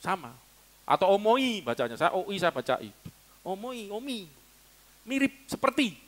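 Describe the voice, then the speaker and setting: Pastor guy preaching, high voice, jokey, keeps quizzing the crowd. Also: very animated, unhurried. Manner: teaching and quizzing the congregation, joking and laughing. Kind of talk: sermon. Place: church hall.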